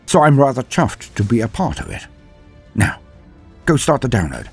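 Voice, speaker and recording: This lore narrator and channel host speaks at normal speed in a very animated, slightly rough medium-pitched voice. His scripted delivery is theatrical and florid, broken by chatty, self-deprecating asides, all over background music.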